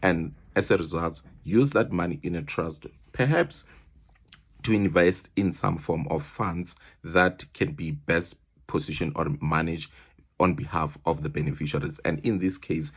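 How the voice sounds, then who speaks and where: A man's voice: sits low, a little slow, slightly rough. A man giving an explainer talk as a financial advisor, addressing the listener directly with questions.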